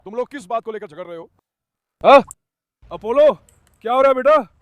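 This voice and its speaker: A man's voice: very high voice, animated, a little fast, no echo, lo-fi sound. A man talking casually to his dogs and viewers on his farm, coaxing and scolding them and calling them son.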